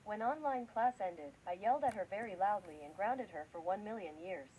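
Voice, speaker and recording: Woman storyteller, mellow tone, mid pitch, plain even reading. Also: normal speed, slight background noise, rough recording. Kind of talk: reading a homemade story aloud.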